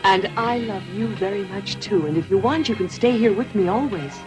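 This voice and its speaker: A woman voicing a gentle, motherly fairy who soothes and mildly scolds a puppet boy in a cartoon. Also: medium pitch, lively intonation, a little fast, music in the background, natural voice.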